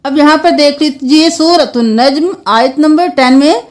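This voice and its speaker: Woman, high voice, recitation teacher, spells out syllables, slow drawn-out chanting. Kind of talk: spelling out and reciting verses slowly for learners.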